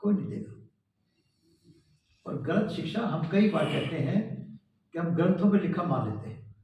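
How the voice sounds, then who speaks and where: Earnest guy lecturing a crowd, slightly high voice, big echoey hall, mic far away. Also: very animated, moderate pace, darkish tone. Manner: earnest, rhetorical questions. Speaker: speaker addressing a cultural meeting. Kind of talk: moral lecture. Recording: echoey hall, distant mic, dull sound.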